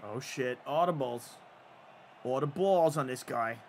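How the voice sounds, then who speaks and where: A man's voice: medium pitch, a little slow, background noise. A man in casual, slangy, bro-like banter while streaming a video game. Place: indoor room, game stream. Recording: game music behind voice.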